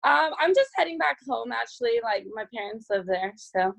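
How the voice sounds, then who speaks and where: A young woman from California chats as a podcast guest, her voice set a little high with a gravelly fry. She talks casually, laughs often and scatters "like" through her sentences. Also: lively intonation, moderate pace, a bit bright, low-quality recording. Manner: chatty, laughs often, many "like" fillers. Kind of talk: casual chat.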